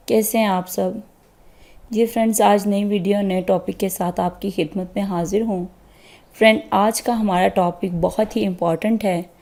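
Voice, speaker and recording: A woman's voice: mid-range voice, gravelly, dark tone. A woman teaching beginners English grammar, explaining step by step and checking in with her listeners. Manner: patient, repeats "theek hai" to check understanding. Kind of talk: slow step-by-step grammar lesson.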